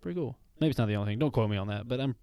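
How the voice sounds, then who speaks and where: A young man co-hosting a casual faith podcast, easygoing and quick to laugh, reading Bible verses aloud. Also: medium pitch, mellow, clear, resonant tone, dry recording. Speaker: podcast co-host.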